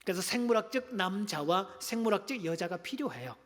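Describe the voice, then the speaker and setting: A man's voice: sits high, animated, fairly quick. A middle-aged male pastor giving a humorous, engaging sermon, often calling on the congregation. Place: church sanctuary. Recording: long reverb of a church hall.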